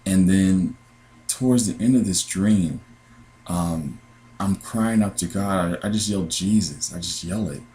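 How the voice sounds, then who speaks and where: Young man, American accent, deep voice, earnest, halting testimony. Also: dark tone, rough recording. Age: 20s. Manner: earnest, halting, with many restarts. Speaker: dream sharer. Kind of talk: personal testimony.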